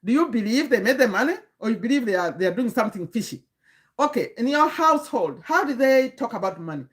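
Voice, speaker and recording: A Ugandan woman in her fifties, a livestream host and community coach, lectures her chat earnestly, restarting sentences and pausing to greet viewers. Her voice is slightly high, expressive and fast.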